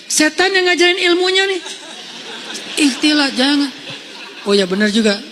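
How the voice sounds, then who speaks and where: A male preacher, telling a cautionary story in a lively, chatty sermon and acting out the quotes. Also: very high-pitched, moderate pace, big-room sound, a crowd in the background, background noise. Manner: lively, conversational, acts out quotes.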